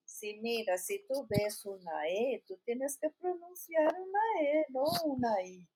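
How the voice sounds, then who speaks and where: A woman tutoring Spanish pronunciation, calmly correcting her student and repeating words back to her. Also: sits high, slow, slightly rough, rough recording. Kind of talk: patient one-on-one correction.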